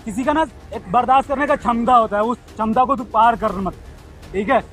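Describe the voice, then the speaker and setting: A man's voice: very high voice, fairly quick, a bit bright, faint music behind. A man playing a stern, commanding bystander. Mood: interrogating. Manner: commanding, repeats curt orders. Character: young man, stern bystander who confronts a bully. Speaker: actor in a staged vlog skit. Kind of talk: staged street drama.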